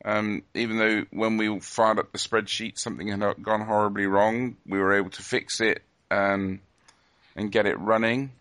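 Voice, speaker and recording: A man's voice: on the low side, flat delivery, moderate pace, a bit bright, smooth, no echo. A man hosting a casual podcast chat, hesitant and full of ums. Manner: hesitant, filler-heavy. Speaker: podcast host.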